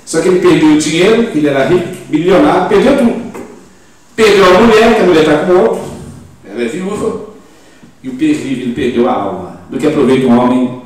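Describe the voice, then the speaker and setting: A man in his seventies with a Brazilian accent, preaching a sermon with emphatic loud rises and rhetorical questions. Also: on the high side, a little fast. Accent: Brazilian Portuguese. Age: 70s. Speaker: pastor. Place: church in Portugal. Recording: very echoey church hall, mic at a distance.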